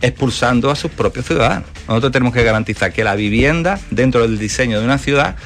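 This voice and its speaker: A man's voice: mid-range voice, fast, faint music behind. A man from Málaga, a political candidate giving earnest, fluent answers in a radio interview. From Málaga, Spain. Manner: earnest, fluent campaign talk with fillers.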